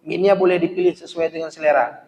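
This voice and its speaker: A man teaching Quran recitation in a mosque, correcting pronunciation and repeating syllables slowly. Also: fairly high pitch, fairly even intonation, a little mellow. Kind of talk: tajweed lesson with recited examples. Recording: echoey, dull hall recording.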